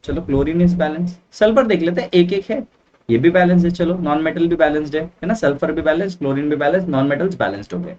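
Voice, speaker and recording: A man's voice: fairly high pitch, lively intonation, quick pace, darkish tone. A man teaching a chemistry lesson at a board, chatty and mixing in English phrases, often checking in with "okay, right?". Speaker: science teacher. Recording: dull, from a distance.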